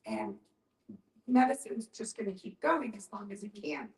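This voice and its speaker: In a group discussion, a woman reflectively explains her view, repeating phrases for emphasis. Her voice is on the high side at a moderate pace, picked up by a distant mic in an echoey room.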